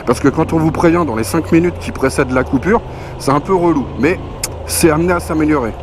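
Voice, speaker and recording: Reviewing motorcycle gear, a male presenter talks conversationally with lots of slang and vocal sound effects. His voice is a little high and fast, and the recording has background noise along with clearly audible music.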